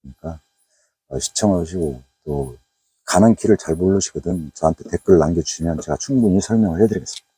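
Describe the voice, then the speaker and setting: A man's voice: deep voice, fast talker, warm tone, slightly rough, dry recording. A middle-aged man with a Jeolla Korean accent talks through a fishing vlog outdoors by a waterway at night, rambling and chatty with many fillers. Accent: Jeolla Korean dialect. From Jeolla province, Korea. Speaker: fishing YouTuber. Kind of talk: casual fishing vlog narration.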